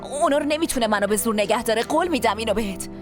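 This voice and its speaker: A young woman dubbing a spirited heroine in a TV drama, talking quickly and emotionally, with a score behind. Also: fairly high pitch, animated, music in the background, natural voice. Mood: tender. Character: spirited young woman searching for her sister. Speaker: lead character. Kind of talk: dubbed TV drama.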